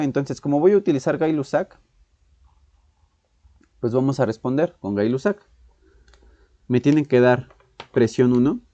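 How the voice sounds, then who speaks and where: Hesitant Mexican physics teacher, dry muffled sound. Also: male voice, mid-range voice, warm tone, no room sound. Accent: Mexican Spanish. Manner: thinks aloud, halting, self-correcting, frequent "¿ok?" and throat clearing. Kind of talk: exam-prep lesson working through problems.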